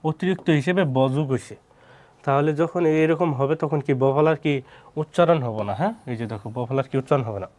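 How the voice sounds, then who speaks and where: A man's voice: on the high side, fast, darkish tone. A man teaching an exam-prep lesson, asking questions and answering them himself, repeating each word twice. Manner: quizzing, answers his own questions, repeats words.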